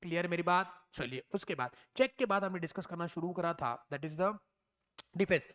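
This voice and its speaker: A man's voice: on the high side, normal speed, fairly bright tone. A male teacher giving a recorded exam-prep lecture, explaining step by step, asking and answering his own questions, and dropping in English terms.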